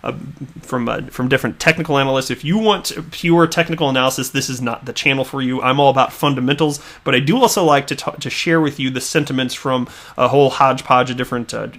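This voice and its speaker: Reading tweets for casual commentary, a Midwestern man on his crypto YouTube channel talks fast in a medium-pitched, slightly bright voice with fairly even intonation. He's chatty, uses many fillers, and often says words twice.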